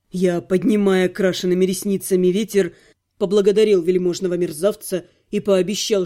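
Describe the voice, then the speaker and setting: A man narrates an audiobook in the first person, his voice sitting fairly high for a man. The tone is soft and mellow rather than bright. He tells the story with dry, self-mocking irony. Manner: wry, self-ironic storytelling.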